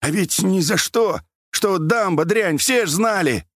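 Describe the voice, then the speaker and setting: A man voicing an old male dam watchman, a war veteran who shouts, wails and fusses. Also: high voice, lively intonation, unhurried, no room sound, clean studio sound, pitched above the performer's own voice. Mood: lamenting. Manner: wailing, shouting, fussing.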